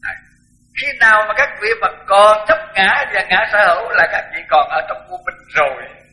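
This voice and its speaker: Blunt older monk giving a sermon. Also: male voice, sits high, sing-song, moderate pace, bright, forceful tone, soft background music, rough recording. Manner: blunt, frank, repeats words when emphasizing. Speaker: Buddhist monk teacher. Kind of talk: dharma talk sermon.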